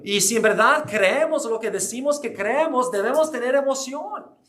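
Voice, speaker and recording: A man's voice: extremely high pitch, animated, moderate pace, a bit bright. A man giving an earnest church history lecture, explaining with frequent restarts and hesitations.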